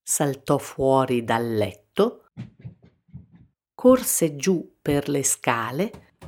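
A woman narrating a children's storybook gently and expressively. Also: a bass voice, very animated, drawn-out words.

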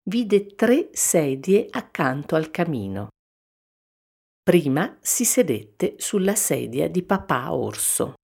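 Slow, expressive woman storyteller. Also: low voice, gravelly, slightly rough. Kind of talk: children's storybook narration.

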